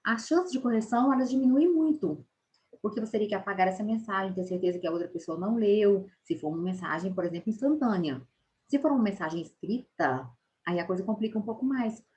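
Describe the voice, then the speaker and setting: A woman's voice: medium pitch, animated, dark tone, dull audio. Woman teacher, patient explainer, draws out key words, frequent check-ins. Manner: explains patiently, ends phrases with "tá?"; slows down to stress key words. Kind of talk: recorded spelling lesson.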